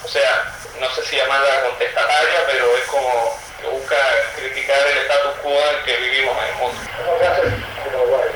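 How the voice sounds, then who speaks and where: Young Cuban writer, Cuban Spanish accent, hesitant interview answers, flat delivery, recorded off-mic. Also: male voice, medium pitch, moderate pace, few pauses, recorded from a distance. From Cuba. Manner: thoughtful, with frequent hesitations and fillers. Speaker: writer and poet, guest. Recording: roomy sound, from the mic, faint noise.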